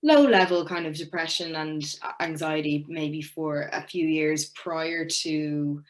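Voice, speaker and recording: This young Irish actress, appearing as a guest in a casual interview, has a low voice and an unhurried pace. She speaks hesitantly, with lots of fillers and restarts.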